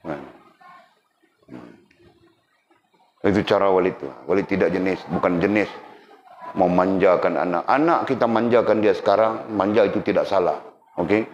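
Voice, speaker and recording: Very low-voiced male religious teacher, teasing lecture style; roomy, dull lo-fi recording with faint noise. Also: normal speed, long pauses. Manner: teasing, animated, addresses audience directly.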